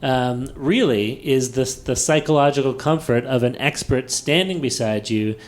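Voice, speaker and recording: A man's voice: medium pitch, moderate pace. Man hosting a chatty podcast. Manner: thinks aloud with many fillers and restarts; laughs easily. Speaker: podcast host. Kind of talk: casual conversational chat.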